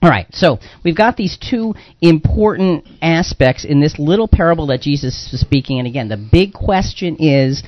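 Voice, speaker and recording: This radio host, a man whose voice runs on the high side, talks expressively at a moderate pace with few pauses on a live religious talk show. He explains conversationally and repeats phrases for emphasis; the lo-fi radio audio sounds dull, with no room sound.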